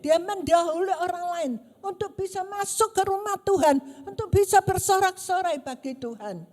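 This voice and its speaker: High-voiced woman preaching in a reverberant hall. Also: normal speed. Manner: animated storytelling, acting out quoted voices. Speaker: pastor. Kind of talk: sermon. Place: church. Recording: long church-hall reverb.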